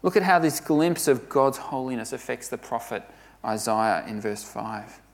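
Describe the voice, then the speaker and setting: A man preaching a sermon, earnest and emphatic, often dropping to a hush for weight. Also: medium pitch, expressive, moderate pace, gravelly.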